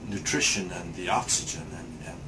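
A man's voice: deep voice, moderate pace, background noise. A man in his sixties, speaking hesitantly with many fillers and restarts while giving a patient testimonial in a small clinic room. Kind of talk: casual interview answers.

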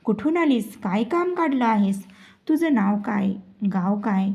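A woman's voice: on the high side, lively intonation, measured pace, darkish tone. A woman voicing an anxious, dutiful young palace maid in a storybook tale. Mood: fretful.

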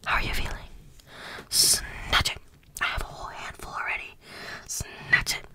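A young woman in a breathy, soothing whispered role-play, very close to the microphone, repeating phrases with tingly ASMR mouth sounds. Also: moderate pace. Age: young adult. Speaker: ASMR creator. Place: small room indoors. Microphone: close desktop condenser microphone.

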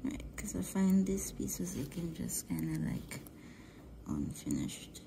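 A woman from Guyana records a casual voice-over for a nail art tutorial, speaking with a mixed Guyanese-Trinidadian accent. Her voice is on the low side and creaky. She talks in a relaxed, halting way with many fillers and often slips into a near whisper.

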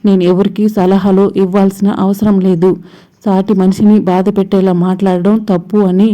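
A woman's voice: medium pitch, level tone, normal speed, mellow, close to an everyday voice. A woman voicing an angry middle-aged father who scolds his daughter. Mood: scolding.

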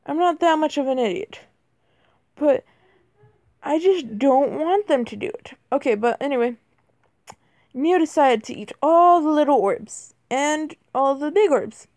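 In a clean studio recording with no room sound, a female gamer with a high-sitting, darkish voice gives casual mobile gameplay commentary. Easily flustered and self-deprecating, she cracks her voice and says "bro" and "like" constantly.

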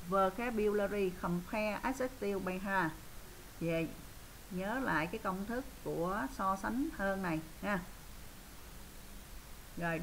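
A woman teacher with a southern Vietnamese accent, teaching an English lesson, tagging her sentences with a soft "ha" and slowing down to model English phrases. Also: medium pitch, gravelly, slight background noise, low-quality recording. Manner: sprinkles sentences with a soft "ha" tag.

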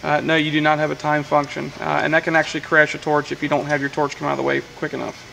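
A man with a somewhat high, gravelly voice explains a control panel step by step, matter-of-fact and flat in tone. He speaks in a workshop with faint machine-shop noise behind him, picked up by a camera mic. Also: fast, poor audio. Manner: plain, matter-of-fact explaining with frequent uh fillers. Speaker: welding equipment technician. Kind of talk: hands-on equipment demonstration. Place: workshop beside a welding machine.

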